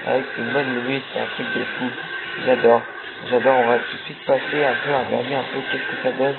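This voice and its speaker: Over loud game music in a tinny, lo-fi recording, a young gameplay creator rambles through casual commentary full of fillers and restarts. He talks fast in a mid-range, level, creaky voice, and the audio is very noisy.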